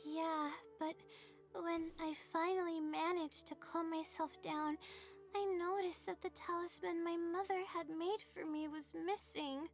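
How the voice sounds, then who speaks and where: A timid, sleep-deprived young woman scholar in a video game, rambling nervously. The voice sits very high and moves slowly, with soft pauses and hesitant fillers. Some music plays underneath. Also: steady tone. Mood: nervous recounting. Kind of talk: video game character dialogue.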